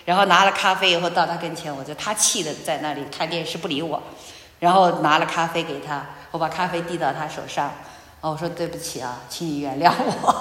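A woman giving a personal testimony in church, telling her story with animated storytelling and acted-out dialogue. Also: lowish voice. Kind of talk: sermon testimony. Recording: echoey hall.

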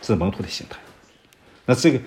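A man preaches an expository Bible sermon in a lowish, darkish voice with big pitch swings, covering verses and asking rhetorical questions. He pauses with fillers at times while searching for references. A little hiss or hum is audible.

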